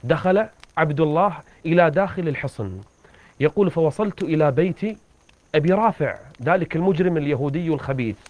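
A man's voice: lively intonation, brisk, darkish tone, no echo, muffled recording. A man preaching and retelling an old story with dramatic rises in his voice. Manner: dramatic storyteller, rising pitch at tense moments. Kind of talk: religious storytelling sermon.

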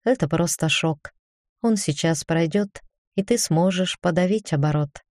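A woman's voice: lowish voice, a little mellow, dry recording, studio quality, lightly acted. A woman reading a firm academy dean. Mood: coaxing. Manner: firm, brisk, then coaxing. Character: stern but caring woman academy dean. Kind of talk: audiobook character reading.

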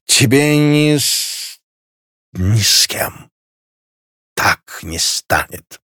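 Drunk clingy girl, shrill and slurred; a man doing the voice, dry close read. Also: expressive, very slow, a bit bright, no echo. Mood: possessive. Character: drunk, clingy young woman at a feast.

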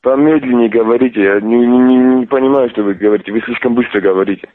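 A man's voice: medium pitch, fast talker. A man answering a phone call, confused at first, then cursing back angrily. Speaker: call recipient. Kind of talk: phone conversation. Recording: tinny phone line.

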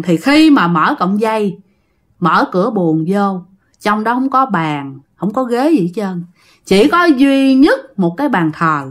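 A woman with a Southern Vietnamese accent telling a ghost story in a casual, chatty way, speaking straight to her listeners and acting out the characters' lines. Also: medium pitch. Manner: chatty, addresses listeners directly; acts out characters' lines in quotes.

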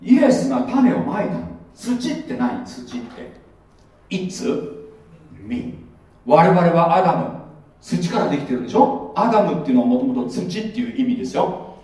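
A middle-aged man preaches in a high, swooping voice that rises and falls freely. He keeps it conversational, quizzing his listeners as he goes. The sound is heavily echoey and picked up from well back in a large hall. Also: very animated, normal speed, mellow. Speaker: pastor. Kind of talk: sermon. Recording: echoey hall, mic far off.

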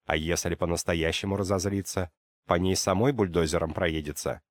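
A man narrating an audiobook in a steady, measured reading. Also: low voice. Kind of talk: scripted narration.

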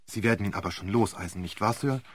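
A man's voice: fairly low pitch, fast, no room sound, pitched below the performer's own voice, natural voice. Male reader doing a chatty maid, eager and devoted, dry sound.

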